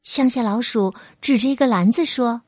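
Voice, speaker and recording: A woman reading a children's story aloud in a gentle, unhurried way. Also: fairly high pitch, no room sound, clean studio sound.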